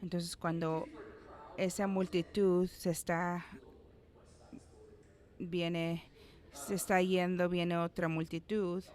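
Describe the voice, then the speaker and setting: A man's voice: high voice, flat delivery, slow, pauses often. A man pastor preaching a sermon in a church service in a conversational way, with playful asides to the congregation and little acted-out voices for the people in the story. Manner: acts out quoted voices.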